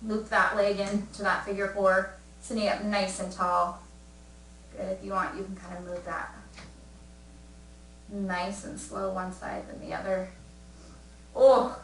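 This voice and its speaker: A woman's voice: mid-range voice, bright, forceful tone. A young woman leading a live workout class from home, encouraging and counting down, a little out of breath. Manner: upbeat encouraging coaching, counting down. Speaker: fitness instructor. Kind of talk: live fitness class cues. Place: room at home. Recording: echoey room, mic at a distance.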